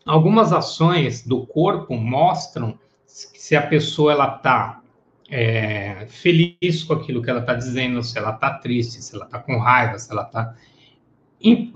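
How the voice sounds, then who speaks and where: A man's voice: medium pitch, a bit bright. Man lecturing in an echoey room. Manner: explanatory, greets viewers by name, tag questions. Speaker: psychoanalysis teacher. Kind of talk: live-streamed lecture. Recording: echoey, dull lo-fi room sound.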